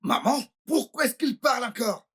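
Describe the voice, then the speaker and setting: A woman voices a bruised young man in a dubbed film drama, his voice high and husky. He cries out and keeps repeating his threats. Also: animated, moderate pace, a bit bright. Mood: pained rage. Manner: crying out, repeating himself. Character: beaten young man raging in pain. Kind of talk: French dub of a film.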